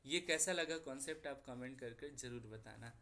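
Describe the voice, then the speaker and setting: A young man with an Indian accent teaching a lesson on figures of speech, mixing in English and drawing out his example sentences slowly. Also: mid-range voice, bright, forceful tone. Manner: slow, drawn-out repetition of example sentences.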